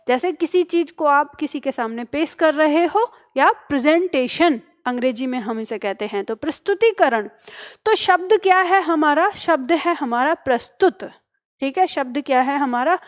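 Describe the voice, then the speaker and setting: A woman teaching a spelling lesson to exam students, explaining step by step and often checking that they follow. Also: high-pitched. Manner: asks questions and answers them herself. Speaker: Hindi teacher.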